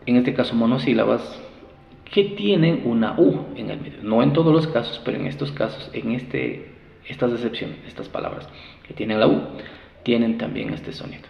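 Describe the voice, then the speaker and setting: Gravelly guy drilling pronunciation, repeats sounds over and over, patient, echoey room. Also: medium pitch, lively intonation, a little hiss or hum. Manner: drills sounds by slow, exaggerated repetition; patient, encouraging explainer. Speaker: English pronunciation teacher. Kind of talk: pronunciation lesson. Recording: echoey roomy sound, dull lo-fi.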